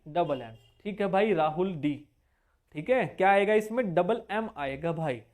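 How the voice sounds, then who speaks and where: A man teaching an exam-prep spelling lesson, who spells words out letter by letter, repeats the key points and coaxes his students with quick check-back questions. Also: high voice, animated, a little mellow.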